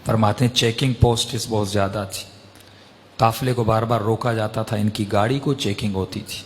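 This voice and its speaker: A man's voice: fairly low pitch, steady tone, slight background noise. A man preaching in an emotional storytelling sermon, impassioned and rising to raised pleading peaks. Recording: long hall reverb.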